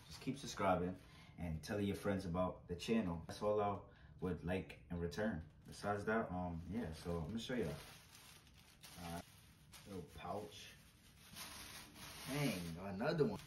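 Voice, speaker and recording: A young male vlogger chats casually through an unboxing, slangy and repetitive, begging viewers for likes. His voice is fairly low, his pace measured with long pauses. A fixed camera a few steps away in a small indoor room gives a roomy, distant sound with slight background noise.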